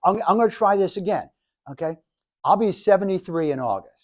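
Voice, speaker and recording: A man in his seventies, a professor giving a lively, jokey classroom lecture to students, with many restarts. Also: high voice, brisk. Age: 70s. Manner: animated, jokey, talks to the audience, restarts often. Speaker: professor and speaker.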